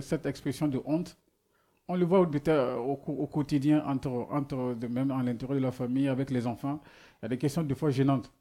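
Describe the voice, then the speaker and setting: This preacher has a mellow mid-range voice and isn't a native speaker; French is not his first language. Delivering a sermon, he asks rhetorical questions and restarts often as he looks for words.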